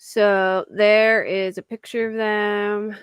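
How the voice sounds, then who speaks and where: Slow and clear, her mid-range voice has a level, resonant tone with no echo. She's a young true crime livestream host from the Philadelphia area, speaking with its accent as she casually reads a crime story, answers her chat and laughs often.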